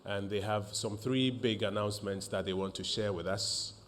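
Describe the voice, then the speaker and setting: A man, a government minister opening a press briefing in a formal, measured way with frequent fillers. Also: fairly low pitch, fairly even intonation, a bit bright.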